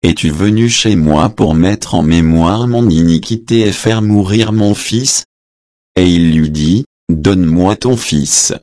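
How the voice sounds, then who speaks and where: Man, Bible reading with spoken footnotes, very low voice, unhurried, dry close sound. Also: darkish tone, no echo.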